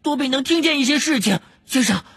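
A man voicing an excitable male house-elf servant in a shrill, squeaky, pleading voice. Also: fairly quick, full character voice. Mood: earnest.

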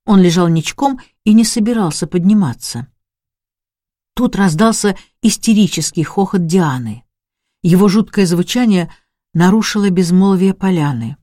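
A woman reading an audiobook in a measured storytelling manner, close to the mic. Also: lowish voice, expressive, dark tone, dry recording. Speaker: audiobook narrator.

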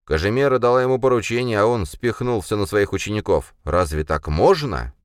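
A man's voice: lowish voice, animated, fairly quick, clear, resonant tone, no room sound, studio quality, voice pushed up, natural voice. A male narrator voicing a hot-headed young man who answers bitterly and sardonically.

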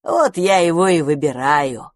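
A woman voicing a cheeky, greedy female magpie who taunts in a sly, drawn-out way. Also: sits low, no room sound, clean studio sound. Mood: scornful.

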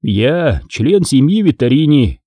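A man reading an audiobook voices a cold, calm, ironic mafia hunter. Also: a little high, normal speed, no echo, muffled recording, pitched above the performer's own voice.

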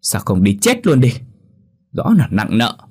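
A man voicing a spiteful young village wife, shouting shrill abuse at her family. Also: huge pitch swings, unhurried, breathy edge, exaggerated voice. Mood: scolding.

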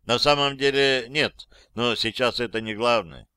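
A man's voice: medium pitch, steady tone, normal speed, pushed and bright, clean tone, no echo. A man narrating a first-person audiobook in a wry, dry storytelling manner.

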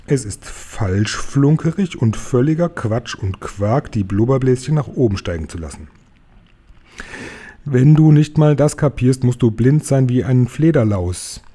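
A man's voice: medium pitch, expressive, normal speed, mellow, breathy edge. A man voicing a big friendly male giant who boasts and mangles his words, drawn out and exclaiming in a raised voice. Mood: indignant.

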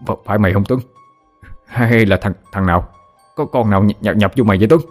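A man's voice: fairly low pitch, lively intonation, fairly quick, faint music behind. A man doing a stammering brutish husband. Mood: pleading. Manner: stammering, pleading. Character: drunken abusive husband, middle-aged man, stammering coward.

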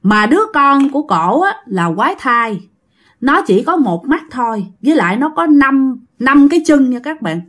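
A woman's voice: high-pitched, sing-song, normal speed, a bit bright, full character voice. A woman doing a grim old male spirit medium. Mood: ominous.

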